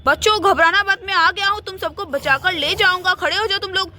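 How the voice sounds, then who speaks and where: A woman's voice: very high-pitched, sharp tone, a little hiss or hum. A woman doing a brave kindly uncle. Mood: fierce. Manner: brisk, commanding, protective. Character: brave kindly male uncle, rescuer of children.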